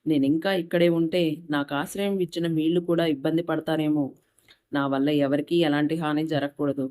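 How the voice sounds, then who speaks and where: A woman's voice: low-pitched, fairly even intonation, normal speed, dark tone, close to an everyday voice. A woman reading a story aloud voices a frightened young mother thinking anxiously to herself. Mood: worried. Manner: worried, inward.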